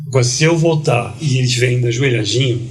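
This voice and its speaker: Man telling a lively slangy story. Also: medium pitch, fast talker, soft background music. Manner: lively storyteller, slangy, quotes people in dialogue. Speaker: guest. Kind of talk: casual storytelling.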